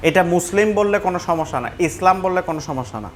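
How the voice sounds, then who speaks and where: A man with a Bangladeshi accent leads a classroom pronunciation lesson in a slightly high voice. He explains patiently, repeats each word slowly, and slips English phrases into his talk. Faint background noise sits under his voice. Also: expressive.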